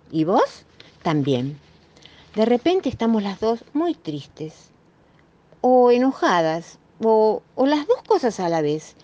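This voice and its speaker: A woman with a Rioplatense accent reading a children's story aloud in an expressive, playful way. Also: medium pitch. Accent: Rioplatense Spanish. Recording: dull muffled recording.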